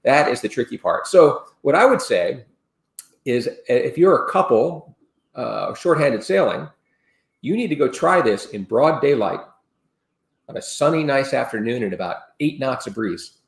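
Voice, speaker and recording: Over a webcam in a room at home, a sailing expert in his sixties gives an earnest, rambling explanation of safety steps, frequently starting over. His creaky, mid-range voice has lively intonation at a moderate pace, and the call audio sounds roomy.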